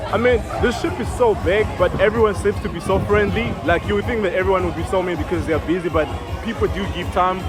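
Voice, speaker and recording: Fast, upbeat man from South Africa. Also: sits high. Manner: upbeat, pumped-up. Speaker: host DJ on a cruise ship. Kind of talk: casual vlog interview. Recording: very loud music and crowd behind.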